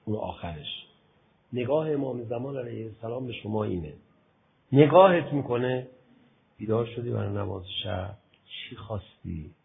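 A man preaching a religious sermon, acting out imagined talks with his listeners, going from a soft murmur to loud outbursts. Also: medium pitch, expressive, creaky, a little hiss or hum, rough recording. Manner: acts out both sides of imagined dialogues with listeners; swings from soft murmur to loud impassioned exclamation.

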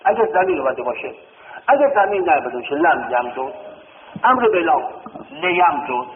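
Male teacher, lively rising and falling delivery, tinny phone-like sound, long hall echo. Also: on the high side, gravelly, a little hiss or hum. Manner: explains step by step, asks and answers his own questions, drills verb forms aloud. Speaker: Arabic grammar teacher. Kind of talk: classroom lesson.

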